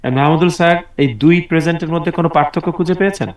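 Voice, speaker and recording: This man's slightly high voice races along as he runs an online English lesson by video call. He drills words aloud in a patient, encouraging way, and the call audio comes across roomy and distant.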